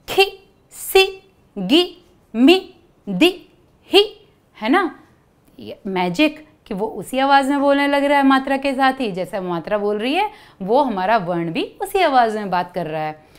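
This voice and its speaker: A woman teaching a lesson to young children, explaining patiently step by step, drawing out sounds and asking the kids to repeat after her. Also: on the high side. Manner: stretches syllables and asks kids to repeat.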